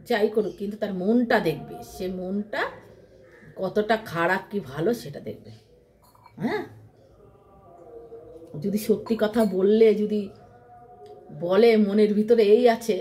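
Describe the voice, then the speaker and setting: A woman's voice: mid-range voice, dark tone. A woman vlogger chatting casually to her followers from home, rambling and repeating herself, often mimicking how other people talk.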